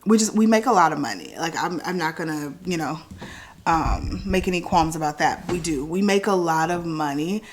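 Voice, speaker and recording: A woman's voice: low-pitched, expressive, moderate pace. A woman, chatting upbeat to camera at her kitchen table in a casual vlog, repeating herself as she goes. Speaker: vlogger.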